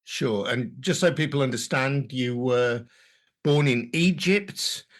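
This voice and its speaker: A man hosting a news podcast, introducing the story and asking questions in a measured, journalistic way. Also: mid-range voice. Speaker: podcast host. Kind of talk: interview hosting.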